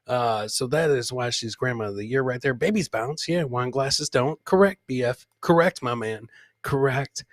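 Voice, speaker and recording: A podcast host runs a live comedy show, commenting casually on clips and repeating lines like a showman. His voice is medium-pitched at a moderate pace, recorded with studio quality and no echo.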